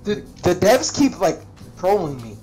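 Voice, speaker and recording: High voiced gamer dude, whiny and jokey, pitch all over the place. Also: male voice, very animated, unhurried, darkish tone, faint music behind. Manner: whiny, joking, protesting. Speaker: co-player. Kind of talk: casual gaming banter.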